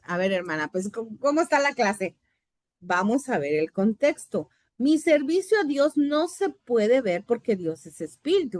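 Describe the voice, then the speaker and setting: A woman's voice: medium pitch, no room sound, clean studio sound. A middle-aged woman teaching a Bible institute class, explaining terms step by step and often checking in with her students. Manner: explanatory, asks "¿verdad?" often.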